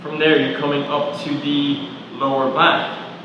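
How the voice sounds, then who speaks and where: Male movement coach, calm guided body-scan cues, distant mic, roomy reverb. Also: a little high, a little slow, highs cut off, noisy background. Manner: calm, questioning, step-by-step cues. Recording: echoey roomy sound from far off.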